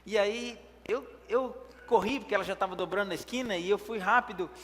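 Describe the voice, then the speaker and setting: High-voiced man preaching in an echoey hall. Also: fairly quick, slight background noise. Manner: vivid storytelling that acts out his own words; lively when telling the action, hushed in prayer. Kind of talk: storytelling sermon.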